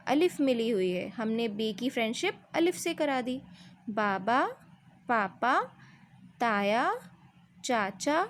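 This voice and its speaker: A woman teacher giving a recorded revision lesson to young children, patiently spelling out letters and syllables and asking questions that she answers herself. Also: high voice. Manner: slow, patient, asks questions and answers them. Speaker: Urdu teacher.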